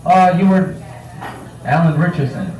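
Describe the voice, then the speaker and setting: A man's voice: a little high, lively intonation, a little slow, a little mellow. Profane stand-up man in a roomy bar. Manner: casual, profane, self-mocking crowd work. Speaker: stand-up comedian. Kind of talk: live stand-up set. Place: bar comedy night. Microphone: handheld microphone. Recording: roomy bar sound from a distance.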